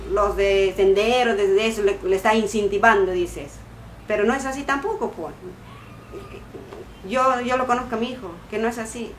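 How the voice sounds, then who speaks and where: A middle-aged woman from Peru speaks in broken, repeating phrases, indignant and pleading as she talks about her detained son. Her voice rings in an echoey space with a faint hum of ambience behind it. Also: medium pitch. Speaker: mother of a detained student. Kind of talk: emotional testimony to camera.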